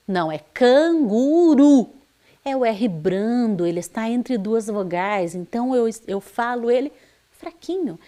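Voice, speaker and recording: Her voice is medium-pitched, expressive, and mellow, at an ordinary pace. This Brazilian teacher, speaking with a Brazilian Portuguese accent, stretches out words and emphasizes their sounds in a video lesson for young primary schoolers.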